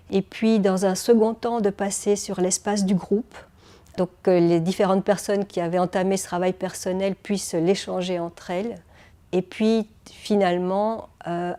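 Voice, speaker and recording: Hesitant middle-aged woman, low even mellow tone, reflective testimony. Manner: hesitant, many fillers. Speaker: project initiator.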